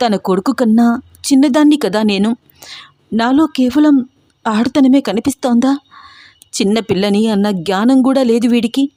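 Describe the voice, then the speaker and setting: A woman's voice: a little high, warm tone, no echo, clean studio sound, voice pushed up. A woman voicing a frightened young woman who mutters in tense indignation.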